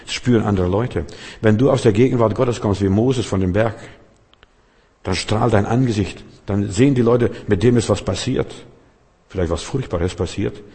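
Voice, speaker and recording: A man's voice: on the low side, gravelly, mellow, breathy edge. A man preaching a sermon in an emphatic, searching way. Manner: emphatic, acts out quoted voices. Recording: long hall reverb.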